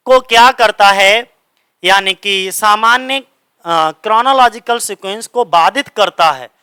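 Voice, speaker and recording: A male teacher, his voice high and bright, runs an exam-prep lesson by firing a question and then answering it himself. He reads English lines slowly and then explains them in Hindi. His delivery is smooth and clear, recorded dry and close. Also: dry recording. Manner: drills with repeated questions and answers.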